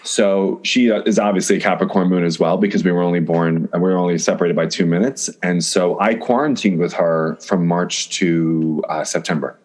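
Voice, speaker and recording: Man, very low pitch, effusive, lists words, casual podcast talk. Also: normal speed, few pauses, darkish tone. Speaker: astrologer guest.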